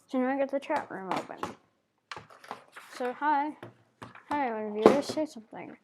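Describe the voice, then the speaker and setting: A woman's voice: high-pitched, moderate pace, very noisy. A woman live-streaming a game, chatting casually with her viewers in a playful, silly, bubbly way.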